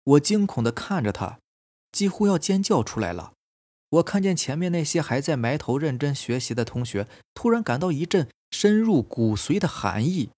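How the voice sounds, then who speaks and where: 男性恐怖故事主播，声音略哑，叙述平稳克制，适合夜间讲鬼故事. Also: male voice, fairly high pitch, dry recording. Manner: calm, measured first-person storytelling. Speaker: storytelling podcast host. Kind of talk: scripted horror story narration. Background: faint eerie background music.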